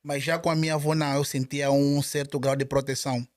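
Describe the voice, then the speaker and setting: Clean studio audio with no echo captures an Angolan Portuguese-accented man chatting casually as an interview guest. His fairly high voice stays level and moves a little fast, while he often stumbles, repeats himself and starts over.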